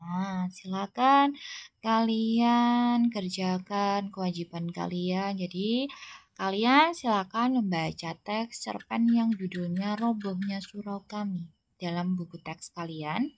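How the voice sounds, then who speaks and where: A woman's voice: mid-range voice, slow pace. A woman teacher, giving a classroom lesson and explaining patiently step by step.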